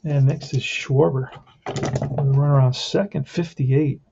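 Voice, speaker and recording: A man's voice: medium pitch, steady tone, unhurried, creaky. A man giving casual play-by-play of a tabletop baseball game, thinking aloud as he plays. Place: indoors at a tabletop. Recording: muffled lo-fi, faint noise with clicks.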